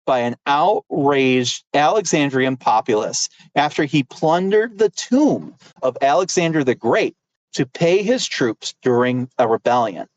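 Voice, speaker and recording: A man's voice: a little high, dry recording, dull audio. A man co-hosting a history podcast, telling the story in a playful, joking way. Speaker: podcast co-host. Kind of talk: casual history podcast chat.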